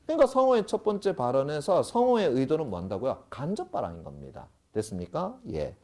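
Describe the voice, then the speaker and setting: Middle-aged male grammar teacher, very lively pitch, constantly quizzing the class as he lectures. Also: a little fast. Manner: animated, keeps checking understanding with short questions.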